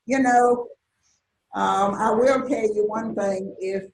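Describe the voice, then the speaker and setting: Slow and fairly even in intonation, this older Southern US woman's mid-range, darkish voice carries folksy stories to an audience, punctuated by frequent laughter. She's a guest speaker, captured on a distant mic with roomy echo and faint hiss.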